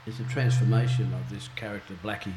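An Australian man reading a passage from his own novel to a festival audience, in a measured, rhythmic way that grows forceful. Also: on the low side, fairly even intonation. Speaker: author reading at a literary festival. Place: festival talk venue. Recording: noisy live event recording.

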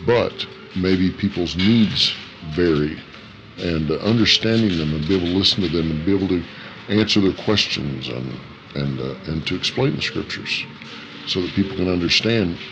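A man giving thoughtful, halting interview answers as a guest, his voice electronically disguised. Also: creaky, lo-fi sound, noisy background. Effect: disguised voice, electronically lowered. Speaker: interview guest, missionary worker. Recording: music under the voice. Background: music.

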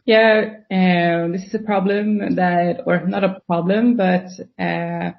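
A woman's voice: fairly low pitch, slow pace, creaky. A woman, a tech recruiter, laying out a topic thoughtfully as a podcast guest. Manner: thoughtful, steady explaining with fillers. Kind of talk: casual podcast discussion. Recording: dull lo-fi sound.

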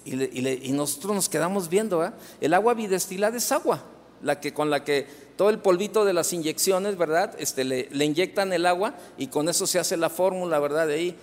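A middle-aged pastor with a Mexican Spanish accent tells a story during his sermon in a loose, conversational style, often breaking off to restart and checking in with the congregation through asides. His fairly high voice is fairly quick and carries a long reverb from the church hall.

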